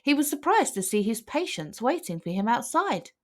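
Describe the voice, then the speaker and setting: Animated woman reading a children's story. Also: a little high, moderate pace. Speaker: storybook reader. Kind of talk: expressive children's story narration.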